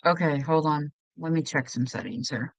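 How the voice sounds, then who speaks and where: A woman's voice: sits low, normal speed, no echo, poor audio. A woman hosting a casual live stream, chatting in a scattered way and greeting viewers as hun.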